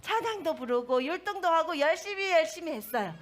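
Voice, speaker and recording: A woman's voice: extremely high pitch, animated, brisk. A woman giving a sermon to toddlers in a sing-song way, asking the children questions. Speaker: children's pastor.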